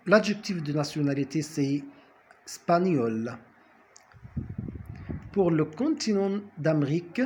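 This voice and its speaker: Slow, deliberate male French teacher. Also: on the high side, a little mellow. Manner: slow and deliberate, repeats words, fillers and self-corrections. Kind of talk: language lesson.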